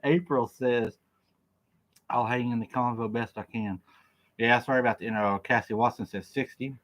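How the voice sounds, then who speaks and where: Here the Oklahoma streamer has a medium-pitched, fairly bright voice with mostly even intonation and a normal pace. Between bites he jokes, laughs, and reads viewer comments aloud in a relaxed livestream chat.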